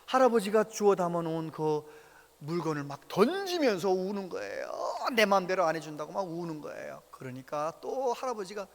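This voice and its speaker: A man preaching a sermon as pastor, telling stories with animated, acted-out voices. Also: sits high, normal speed, vocal fry. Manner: animated storytelling, acts out quoted voices. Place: church sanctuary. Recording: reverberant church hall.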